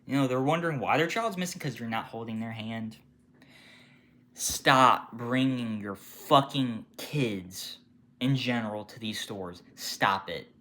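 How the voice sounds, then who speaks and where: Storytime vlogger, retail worker; bright, cutting tone, profane and animated, jumps between loud outbursts and low mutters. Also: brisk, hardly any pauses. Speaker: retail worker telling work stories. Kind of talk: casual storytime rant.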